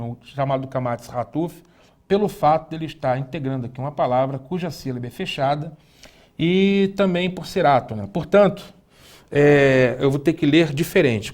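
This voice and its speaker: A man, teaching an online lesson and speaking directly to the student, slowly spelling out and repeating words. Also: a little high, a little mellow. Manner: didactic, addresses the student directly, slow careful spelling-out of words. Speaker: Hebrew teacher.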